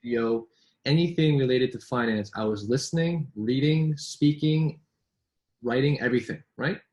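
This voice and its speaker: This man's voice is mid-range and darkish, at a normal speed. A business English coach born in New York and raised in Vancouver, he chats casually among colleagues, restarting often and asking rhetorical questions.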